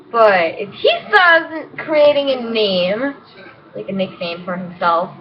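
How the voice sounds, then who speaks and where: A woman's voice: fairly high pitch, lively intonation, slow pace, crowd noise. A woman rambling in a casual vlog, giggling and gushing as she talks. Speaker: vlogger. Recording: dull lo-fi with voices behind.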